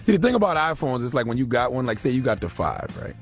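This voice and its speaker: Man, radio co-host, quick, lively, brash jokes, music behind. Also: medium pitch. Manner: brash, joking, loose slang. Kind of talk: casual morning radio chat.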